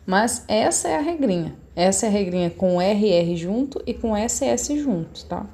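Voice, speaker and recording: A woman teacher, talking young pupils through a recorded lesson. Her voice is mellow and a little gravelly, and she explains each step patiently. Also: mid-range voice, expressive, moderate pace, a little hiss or hum. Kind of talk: recorded remote class lesson.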